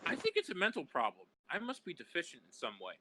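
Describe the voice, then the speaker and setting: A man hosting an improv party game, firing off loud, exaggerated questions at his guests. His voice is bright and slightly high, and it swings widely in pitch. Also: wildly swooping pitch, quick pace, a little hiss or hum. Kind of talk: improv comedy scene.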